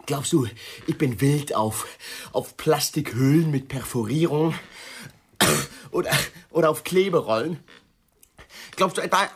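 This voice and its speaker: A woman's voice: lowish voice, breathy edge. An actress playing an overwrought, self-pitying woman who sees herself as the clown among her friends, ranting theatrically in a radio drama.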